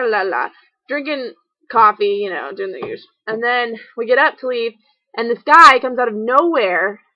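A woman's voice: medium pitch, no echo, dull audio. A young woman, a college student, casually telling a rambling story to her camera, full of "like" and self-corrections. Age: young adult. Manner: rambling, giggly storytelling with lots of "like".

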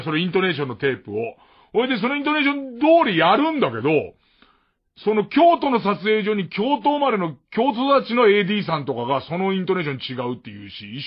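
A man with a high, slightly rough voice hosts late-night radio, rambling casually and mocking himself with frequent chuckles. He is from Tokyo and has a Tokyo accent. The audio comes from a muffled mono radio archive.

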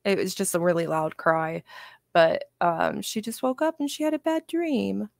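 A woman's voice: mid-range voice, big pitch swings, normal speed, vocal fry, darkish tone, no room sound, clean studio sound. A woman hosting a live commentary stream, chatty and laid-back, talking to her viewers. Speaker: commentary channel host.

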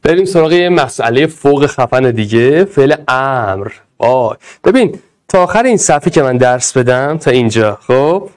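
A man teaching Arabic grammar in an energetic, playful way, speaking straight to his students. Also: medium pitch. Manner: animated, playful, addresses students directly. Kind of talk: energetic online lesson.

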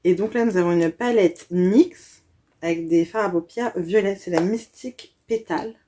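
A woman's voice: fairly low pitch, moderate pace, warm tone. A young woman, gushing and chatting casually as she unboxes a gift box for her viewers.

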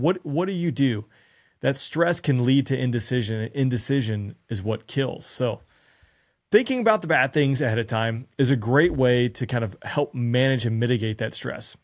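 A former fighter pilot in his thirties gives flying advice directly to camera in a small room, speaking into a studio mic on a stand in front of him. Earnest, conversational, and practical in his coaching, he keeps posing rhetorical questions in an ordinary middle-pitched voice.

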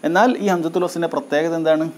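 A man teaching a recorded grammar lesson, explaining step by step and repeating key words slowly. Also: a little high, fairly even intonation, a little hiss or hum.

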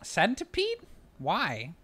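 Young male streamer from Taiwan, relaxed and chatty, headset mic, home room. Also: sits high, slow. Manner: relaxed, chatty, reads and answers chat questions. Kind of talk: casual chat with viewers while playing a card game. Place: small room at home, indoors.

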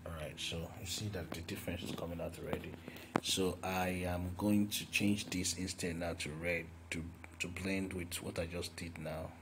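A man's voice: low-pitched, fairly even intonation, moderate pace, noisy background. A man walking through a graphic design tutorial step by step as he works on screen, with fillers and restarts. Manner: talks through each step while working, with fillers and restarts. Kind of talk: screen-recorded software tutorial.

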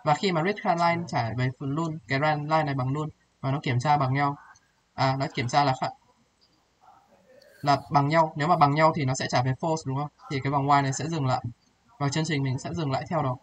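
A man's voice: a little high, steady tone, brisk, poor audio. A man tutoring a student through programming exercises, thinking aloud as he types and often checking whether the student follows. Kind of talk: casual one-on-one coding tutorial. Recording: music playing behind.

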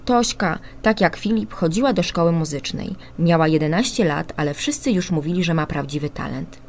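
Animated woman reading a children's story. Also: low-pitched, fairly quick, slight background noise. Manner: animated, expressive.

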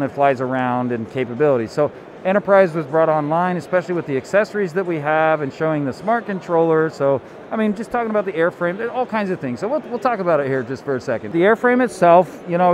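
A man's voice: a little high, darkish tone, a little hiss or hum. A man casually demonstrating a product at a convention booth, loose and enthusiastic with lots of fillers. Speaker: company representative.

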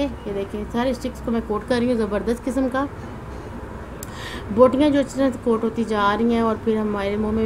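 A woman narrates her home cooking in an easy, chatty way, scattering devotional exclamations through her talk. She sounds tired and weary from fasting. The voice-over carries a clearly audible noise floor. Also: on the high side. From Punjab, Pakistan. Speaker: cooking channel host. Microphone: voice-over mic, not in the pictured kitchen.

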